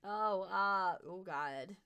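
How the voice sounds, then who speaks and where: A woman's voice: medium pitch, extremely slow, pushed and bright, clean tone. A woman narrating a tabletop role-playing game casually as game master.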